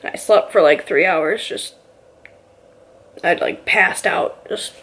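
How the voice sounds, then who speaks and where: A woman's voice: on the low side, slow pace, fairly bright tone, a little hiss or hum. A woman vlogger casually telling a personal story, rambling and filling her talk with "you know" and "like".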